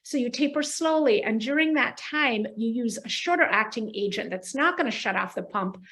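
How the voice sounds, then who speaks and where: A female gastroenterologist, speaking at normal speed in a fairly high pitch, answers questions from viewers during a live video stream. Her explanations of medical terminology are warm and animated, and the audio comes through a video call mic.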